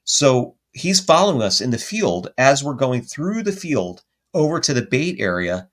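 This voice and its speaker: With a mid-range voice at a moderate pace, a man tells a story on a podcast where he's the guest paranormal investigator. He's animated and long-winded, catching and correcting himself throughout.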